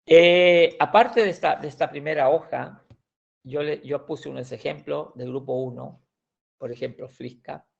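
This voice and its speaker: A man's voice: fairly high pitch, fairly even intonation, unhurried, gravelly, slightly rough. A man teaching a language class, explaining grammar patiently and repeating words with frequent restarts. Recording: dull lo-fi sound.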